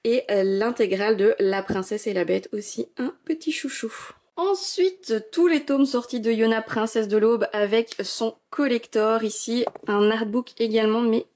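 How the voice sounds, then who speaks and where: A woman's voice: a little high, moderate pace, darkish tone. Chatty young woman gushing over her shelves. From France. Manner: chatty and enthusiastic, gushing, many euh fillers. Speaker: manga collection vlogger. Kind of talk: casual shelf-tour vlog narration.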